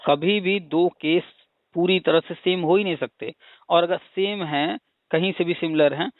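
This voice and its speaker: This teacher, who hosts a call-in discussion, takes his time explaining a topic at length in a casual phone conversation. His fairly high voice stays steady and unhurried, recorded dry over a tinny line, as he patiently works through rhetorical questions and examples.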